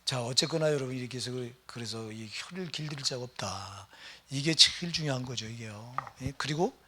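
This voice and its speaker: A man's voice: medium pitch, fairly quick, pushed and bright, a little hiss or hum. A middle-aged man, a pastor, preaching a sermon in a conversational way and often putting questions to the congregation. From Gyeonggi Province, Korea.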